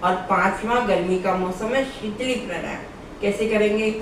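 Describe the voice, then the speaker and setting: A woman's voice: medium pitch, moderate pace. A woman yoga teacher explains breathing exercises patiently, one step at a time. Her voice comes from some distance off the mic in a strongly echoing room. A faint hum of ambience sits under her words. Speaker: yoga instructor. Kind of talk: instructional yoga lesson. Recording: very echoey room, far from mic.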